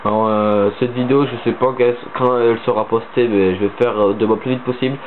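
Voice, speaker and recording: Stuffed up and sniffling from a cold, a southern French teen hosts a gaming channel voice-over, talking fast and casually with plenty of hesitations. His intonation is fairly flat at medium pitch, captured through a tinny phone-style mic with faint hiss.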